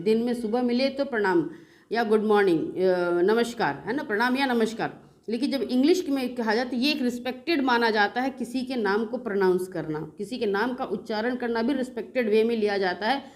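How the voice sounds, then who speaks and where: A woman with a slightly high voice and an Indian English accent teaches a beginners' spoken English lesson. She explains step by step, repeats herself and asks rhetorical questions in a patient classroom manner.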